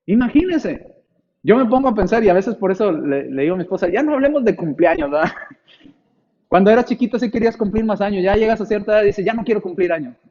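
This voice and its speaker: A high-pitched male preacher in his forties delivers an expressive sermon, his voice rising and falling as he acts out little scenes. The recording from the church sounds dull and lo-fi. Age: 40s.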